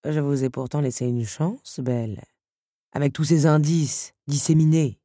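A woman reading aloud voices a cold, scheming noblewoman who speaks in a measured, ironic and cutting way. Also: sits low, warm tone, dry recording, clean studio sound. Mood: mocking.

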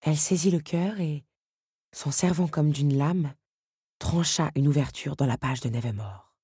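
Low-voiced, husky woman narrating a novel. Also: unhurried, dry recording, studio quality. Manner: expressive, dramatic storytelling. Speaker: audiobook narrator. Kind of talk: audiobook narration.

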